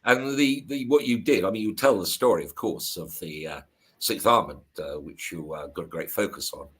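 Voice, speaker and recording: A man's voice: low-pitched, normal speed, fairly bright tone, slightly rough. Older man hosting a video call. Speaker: show host.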